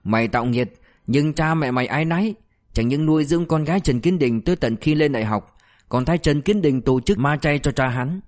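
A man's voice: on the high side, brisk, darkish tone, close to an everyday voice. A man voicing a ruthless male police officer who berates a suspect with harsh, relentless abuse. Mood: furious.

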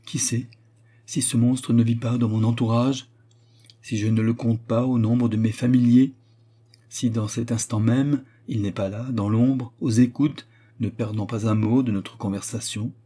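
A man voicing a frightened, agitated young noblewoman in a read-aloud story, with a husky, mellow voice. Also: medium pitch, fairly even intonation, normal speed, natural voice. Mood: anxious.

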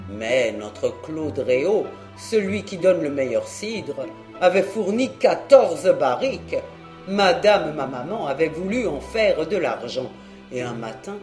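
A reader voicing a gruff, swearing old country squire in an audiobook, speaking loud and boastful. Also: medium pitch, voice pushed down, close to an everyday voice. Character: blustering old Breton country squire, the uncle. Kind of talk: audiobook character voice.

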